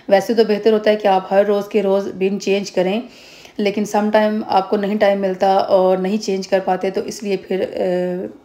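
Woman from pakistan, 30s, chatty home vlog, mellow flat voice, phone cam at home. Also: mid-range voice. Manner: chatty and rambling, with many fillers and restarts. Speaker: vlogger. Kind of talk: casual home vlog chat. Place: home, indoors. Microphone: phone camera held close.

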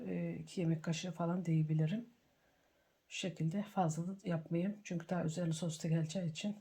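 A middle-aged woman hosting a home cooking tutorial from her kitchen, greeting viewers warmly as friends. She sounds slightly under the weather from a cold. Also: on the low side. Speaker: cooking channel host.

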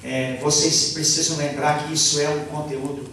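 A man's voice: fairly high pitch, flat delivery, sharp tone. Guy translating a preacher, lots of restarts, distant mic, faint room hum. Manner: halting restarts, fillers while translating. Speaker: interpreter. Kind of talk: consecutive sermon interpretation. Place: large church hall, indoors. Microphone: handheld mic, filmed by far camera. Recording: echoey hall from far off.

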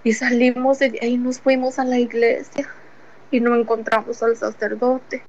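A woman tells her personal faith testimony in a slightly high voice, full of feeling. She retells each conversation step by step, quoting what was said to her. The sound is somewhat dull and lo-fi. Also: flat delivery, normal speed. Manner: retells events with many quoted conversations, repeating "he told me"; earnest and emotional. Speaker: testimony giver.

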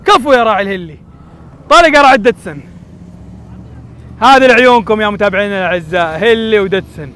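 Gulf Arabic man cheering and teasing drivers outdoors, very high voice, rapid delivery. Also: lively intonation, fairly bright tone, clean tone. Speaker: channel host filming from the crowd. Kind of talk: excited live commentary on off-road driving. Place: outdoors at sand dunes.

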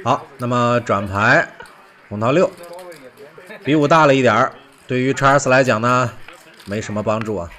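A man comments on poker highlights in a recorded voice-over, sounding animated and mixing in rhetorical questions and exclamations. His pace is moderate, broken up by long pauses.

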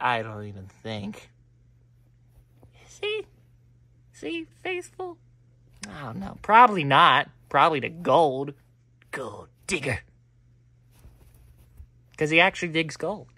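A low-pitched woman rambles through a comedic monologue with a bright, sharp tone. Her pitch leaps around freely. She interrupts herself often and swings between mumbling and sudden loud bursts. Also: dry recording. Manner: rambling and self-interrupting, jumping between mutters and loud outbursts.

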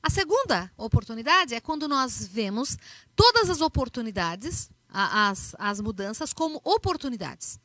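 Brazilian woman speaker, higher pitch, bright forceful tone, dry close sound; lively storyteller. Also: normal speed, dry recording. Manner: animated, acts out dialogues in her storytelling. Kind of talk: motivational talk.

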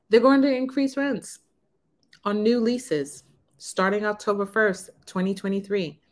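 A woman in her thirties talking frankly to camera in a casual, unhurried way from a small room. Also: fairly low pitch. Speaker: vlogger on renting. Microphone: camera in front of her.

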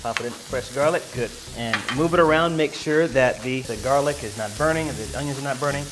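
A man's voice: mid-range voice, a little fast, noisy background. A man in his thirties hosting a cooking show, giving upbeat step-by-step directions to a guest in a home studio kitchen. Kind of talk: instructing a guest while cooking.

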